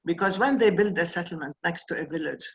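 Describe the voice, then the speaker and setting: A woman's voice: fairly low pitch, fast. Older woman, impassioned, emphatic, dull lo-fi sound. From Palestine. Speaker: guest. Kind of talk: interview conversation.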